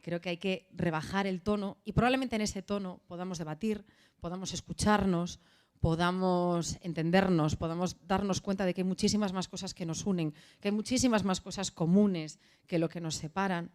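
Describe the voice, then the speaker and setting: A woman's voice: fairly low pitch, steady tone, normal speed, a little mellow. A woman from Galicia speaking as a panelist in a round-table debate, earnest and repeating phrases for emphasis. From Galicia, Spain.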